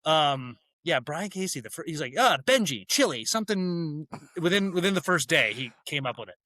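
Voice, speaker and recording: Bright-voiced man rambling in an interview. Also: a little high, expressive, no echo. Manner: rambling, self-correcting, quick laughs. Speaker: guest, head brewer and former radio DJ. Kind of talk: casual interview chat.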